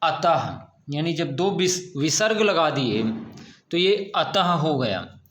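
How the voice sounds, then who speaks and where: A man teaching a school grammar lesson, asking questions and answering them himself with slow, drawn-out words. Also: on the high side, lively intonation, fairly bright tone, reverberant, a little hiss or hum.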